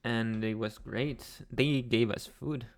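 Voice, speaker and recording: A man's voice: mid-range voice, steady tone, takes it slowly. A man hosting a casual livestream, reading chat messages aloud and answering them in a chatty, rambling way with frequent laughs. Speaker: ASMR livestream host.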